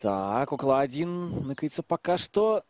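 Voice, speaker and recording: A man's voice: a little high, sing-song, moderate pace, darkish tone. A man working as an esports caster, commentating a live match. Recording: noisy game broadcast with clicks.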